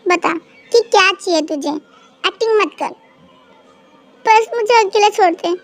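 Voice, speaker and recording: A high-voiced reader doing a loyal, bossy best friend girl. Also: a little slow, no echo. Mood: exasperated. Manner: scolding then comforting. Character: fiercely loyal young female best friend. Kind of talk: fan-dub audio drama.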